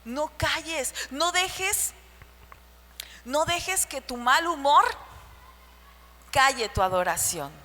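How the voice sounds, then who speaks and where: A woman preaching a sermon to the women of her church, with a shrill voice, sharing personal stories and asking the listeners rhetorical questions. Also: expressive, takes it slowly, long pauses, bright, forceful tone. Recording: church hall reverb with faint hum.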